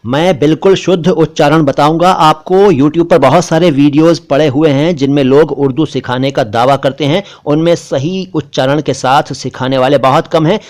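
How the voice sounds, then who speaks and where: A man with a slightly raised voice teaches Urdu letters as a patient lesson. He drags out each short word slowly and deliberately, and he insists firmly on correct pronunciation. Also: fairly high pitch, darkish tone. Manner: slow, deliberate spelling-out of letters and words; stresses correct pronunciation, a bit critical of others. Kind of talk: spoken script lesson.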